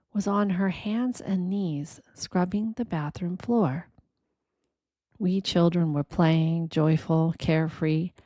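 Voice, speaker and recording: A woman gives a quiet, reflective scripted reading in a gentle, deliberate manner, leaving pauses between short phrases. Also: lowish voice, no echo, clean studio sound. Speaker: narrator of a reflective spiritual reading.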